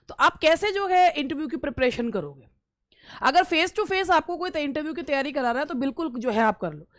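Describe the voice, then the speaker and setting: A woman's voice: high-pitched, dry recording. A middle-aged woman from India, giving casual instructional advice as a teacher, repeating phrases and hesitating often. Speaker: English teacher giving interview tips.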